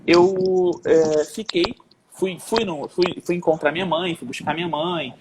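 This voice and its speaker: A man's voice: on the high side, steady tone, a little slow, background noise. A man on a video call casually telling a personal faith testimony, acting out the quoted dialogue with slang fillers. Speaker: guest sharing a faith testimony.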